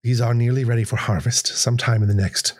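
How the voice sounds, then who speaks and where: A man's voice: medium pitch, steady tone, fast talker, natural voice. A man voicing a stern, humorless male alien guide in a tabletop game. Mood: matter-of-fact.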